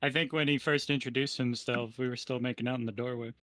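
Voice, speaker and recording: Male tabletop player: casual table chat, mid-pitched, close and dry. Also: steady tone, quick pace, a bit bright, no room sound.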